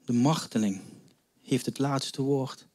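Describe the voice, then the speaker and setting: A man preaching a sermon to a congregation, dramatic, swinging between loud outbursts and hushed near-whispers. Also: medium pitch, takes it slowly. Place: church before a congregation.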